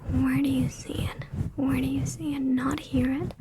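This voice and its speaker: Whispering ASMR woman, breathy and repetitive. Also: high-pitched, little pitch movement, normal speed, background noise. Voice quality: breathy, mostly unvoiced whisper. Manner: whispers short phrases and repeats words over and over. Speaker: ASMR creator. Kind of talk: ASMR, whispered instructions in a playful focus test.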